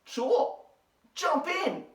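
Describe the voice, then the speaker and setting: A woman with an Australian accent voicing a calm, reassuring grown man in a children's Bible story. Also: very high-pitched, extremely slow, pitched above the performer's own voice, full character voice. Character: calm reassuring adult male teacher. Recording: roomy, from a distance.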